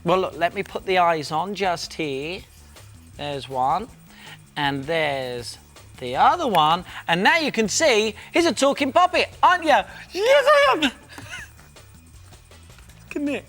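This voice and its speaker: A man's voice: high-pitched, animated, a little slow, a bit bright, faint music behind. A man presenting a children's craft show, cheery and jokey while demonstrating. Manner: cheery, jokey, talks to a puppet.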